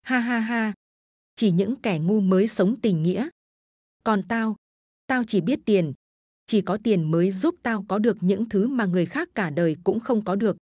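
A woman's voice: mid-range voice, moderate pace, darkish tone, no echo, clean studio sound, close to an everyday voice. A woman voicing a greed-crazed young man who laughs maniacally as he kills, in a spoken horror story. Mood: gloating. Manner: maniacal cackling.

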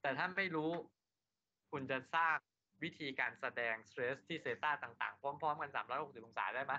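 A man's voice: mid-range voice, normal speed, bright, forceful tone. A man lecturing an engineering class. He asks his students rhetorical questions and then answers them himself. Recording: lo-fi lecture recording.

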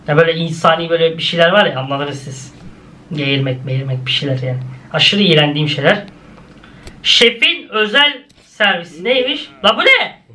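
A young man casually commenting as he reacts to cartoon clips, often exclaiming and laughing. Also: sharp tone. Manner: exclaiming, laughing, swings between high and low.

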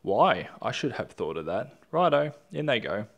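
A man's voice: mid-range voice, sing-song, normal speed, creaky. A man voicing a cocky, gleeful, clever dingo in a storybook, boastful and given to sing-song chanting.

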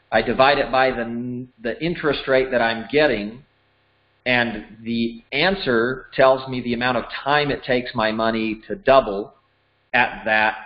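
Male finance teacher in his forties, mid-pitched, plain conversational delivery, slightly dull lo-fi recording. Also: fairly even intonation, unhurried. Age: 40s. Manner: plain, conversational, works through numbers step by step. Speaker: financial educator. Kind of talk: explanatory lesson over slides. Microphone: voice-over.

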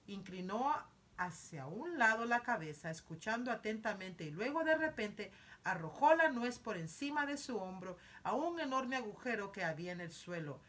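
Lady reading a kids book out loud, bright voice, storytelling, talks to the kids now and then. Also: mid-range voice. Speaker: storytime reader. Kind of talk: reading a children's novel aloud.

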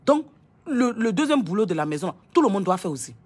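A woman's voice: medium pitch, very animated, quick pace, a little mellow, slightly rough. A young woman scolds her listeners in a casual, impassioned monologue, repeating herself and stammering over words. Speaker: online commentator.

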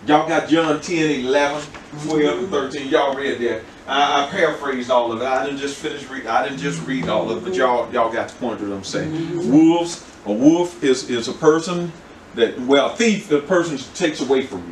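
Recorded from a distant mic in an echoey church with slight hiss or hum, an older pastor delivers a sermon at medium pitch and normal speed. His style is rambling and conversational, full of repeated words.

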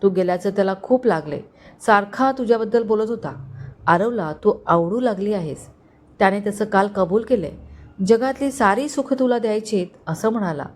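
A woman reading a gentle fatherly old servant. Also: medium pitch, normal speed, lightly acted. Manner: gentle, pleading and tender. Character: kindly older male family servant, fatherly.

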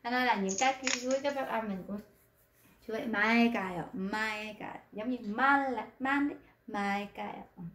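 High-voiced teacher. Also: female voice, a bit bright, slight background noise. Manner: patient, repeats words slowly to model them. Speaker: Korean language teacher. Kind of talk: explaining pronunciation in an online class. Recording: roomy echo.

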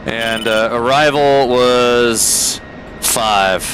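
A man's voice: medium pitch, drawn-out words. A man playing a flight simulator and giving casual commentary, thinking aloud and muttering key presses over an aircraft engine drone. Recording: steady aircraft cockpit noise behind. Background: game aircraft engine drone.

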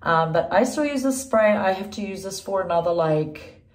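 A young adult woman from New Zealand vlogs casually into a phone camera held at arm's length in a small, echoey bathroom. Her medium-pitched voice is animated and at normal speed, though blocked up and nasal, and she chatters with lots of "like" and "um."

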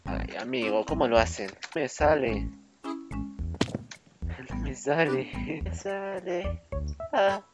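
A man's voice: mid-range voice, drawn-out words, long pauses, over music. A man doing joking gameplay commentary as a streamer, his voice run through autotune that makes it sound robotic. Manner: playful, cursing, often laughing. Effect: autotune giving a robotic voice. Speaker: gaming streamer.

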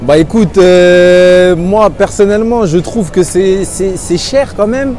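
A young man answering a street interview on a busy outdoor avenue, steady and thoughtful. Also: high-pitched, takes it slowly, soft background music.

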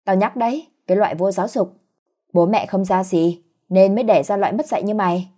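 A woman's voice: medium pitch, brisk, warm tone, natural voice. A woman voicing a scornful middle-aged mother-in-law who scolds shrilly, in a spoken story. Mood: contemptuous.

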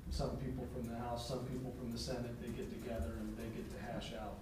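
Flat-voiced man giving a legal report. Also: mid-range voice. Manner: measured, explanatory, with frequent pauses. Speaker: village law director. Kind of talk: council meeting report. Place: municipal council chamber. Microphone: distant room mic. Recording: very echoey chamber, far mic, loud noise.

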